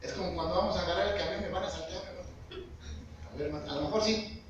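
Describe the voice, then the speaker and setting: In an echoey hall, picked up by a far-off mic amid background noise, a man preaches quickly in a high voice. He's a lay preacher, earnestly questioning his congregation during the sermon.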